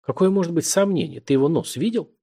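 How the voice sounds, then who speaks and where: A sly, insinuating young man who teases and prods his friend with mocking questions, as a male narrator puts him on. The voice sits raised above the reader's own and keeps a gravelly, husky grain. An audiobook figure full of needling insinuation. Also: fairly high pitch, fast, dark tone, voice pushed up. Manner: mocking, insinuating, laughs a lot.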